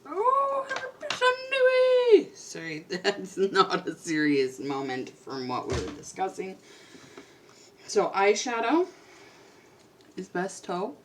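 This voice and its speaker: A woman's voice: medium pitch, a little hiss or hum. A woman vlogger chatting casually and rambling a little as she does her makeup at home. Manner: chatty, rambling, quiet at times. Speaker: beauty vlogger. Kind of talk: casual chat while doing makeup.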